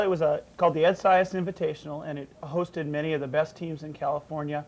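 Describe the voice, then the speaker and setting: A man, a cross country coach, answering interview questions and naming runners in plain steady talk. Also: a little high, low-quality recording. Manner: steady, plain commentary with fillers. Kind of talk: studio interview.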